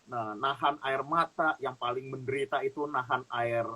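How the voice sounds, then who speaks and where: A man giving an animated spiritual testimony as a talk-show guest, laughing often as he tells it. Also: medium pitch, normal speed, slightly rough.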